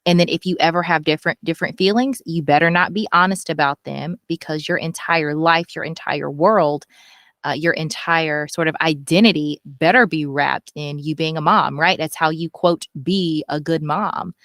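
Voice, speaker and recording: A woman's voice: sits low, normal speed, no room sound. Earnest woman in her thirties, dry close sound. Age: 30s. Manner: earnest and animated, acts out quoted people. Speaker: podcast guest. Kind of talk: candid conversational interview.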